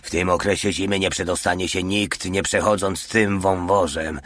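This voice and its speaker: A man's voice: deep voice, fairly even intonation, normal speed, fairly bright tone, no room sound, clean studio sound. Man voicing a sardonic grim commissar. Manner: sardonic, warning. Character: wry, grim male commissar, middle-aged. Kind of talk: audiobook character voice.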